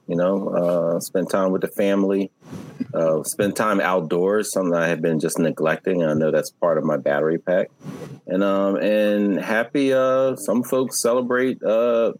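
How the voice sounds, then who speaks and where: Laid-back male co-host, low voice, slight background hiss. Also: normal speed. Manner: relaxed, thoughtful, with many fillers. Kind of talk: casual chat on a video call.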